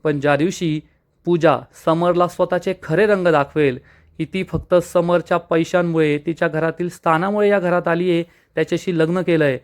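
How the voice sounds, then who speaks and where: A man narrating an episode recap of a television serial in an excited storytelling way. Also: fairly high pitch. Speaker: tv serial reviewer.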